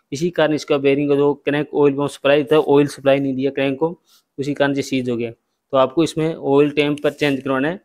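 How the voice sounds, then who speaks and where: Flat-voiced mechanic explaining. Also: male voice, medium pitch. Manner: plain step-by-step explaining, addresses viewers as friends. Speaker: bike mechanic. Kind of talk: workshop repair tutorial. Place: motorcycle repair workshop.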